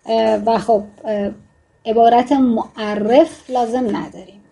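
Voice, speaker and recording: A woman's voice: on the high side, gravelly, dark tone, slight background noise. A woman teaching fiction writing in a casual, chatty way, wandering off into joking asides. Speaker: writing instructor.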